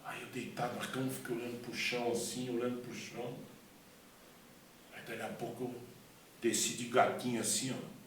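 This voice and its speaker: A man's voice: medium pitch, little pitch movement, moderate pace, pauses often, slight background noise. A man, a pastor, giving a personal testimony, telling it vividly, repeating words and acting out each scene. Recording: echoey room, distant mic.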